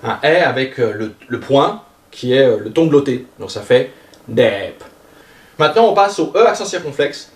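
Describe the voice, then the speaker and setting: A man teaching a language lesson, explaining vowel sounds and drawing out example words slowly. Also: mid-range voice, recorded from a distance. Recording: roomy sound, voice a bit off-mic.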